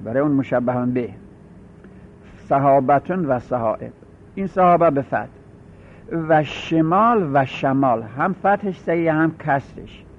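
A man gives a methodical grammar lecture, repeating each pattern and spelling it out for his students. His voice sits a little higher than usual for a man. The sound is thin and phone-like, with a faint low rumble underneath. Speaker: teacher.

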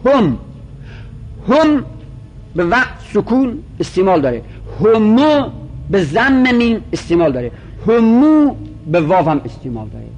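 High, lively-voiced male teacher. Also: lo-fi sound, slight background noise. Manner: methodical, repeats and stretches out example words. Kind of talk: grammar lecture.

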